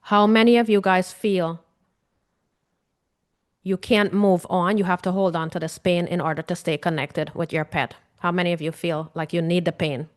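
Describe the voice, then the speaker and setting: Her voice sits on the low side, fairly even in intonation and moderate in pace. A Guyanese-accented woman who works as an emotional healing coach, she chats earnestly to the camera, repeats herself for emphasis, and questions her viewers.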